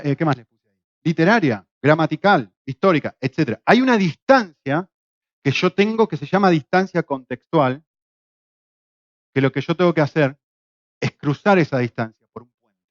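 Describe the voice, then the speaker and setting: A middle-aged man from Argentina with an Argentine Spanish accent, teaching a Bible class in a lively way, with rhetorical questions and jokes. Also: fairly high pitch, no echo. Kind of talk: church class lecture. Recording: dull, lo-fi, dry sound.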